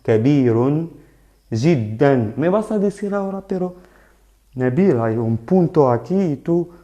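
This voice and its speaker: A man teaching a live online lesson in Spanish, explaining slowly and patiently and often checking that his students follow. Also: fairly high pitch, animated, mellow, highs cut off. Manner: slow, patient explaining with frequent "¿vale?" checks. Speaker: Arabic teacher.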